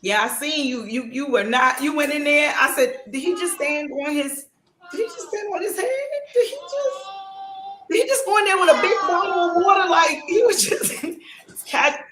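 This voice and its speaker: A woman in her forties hosts a casual podcast chat with bubbly energy and excited outbursts. Her voice sits a little high. The sound is roomy and echoey, with a noticeable layer of background noise. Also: moderate pace. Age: 40s. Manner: animated and chatty, breaks into excited exclamations. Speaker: podcast host.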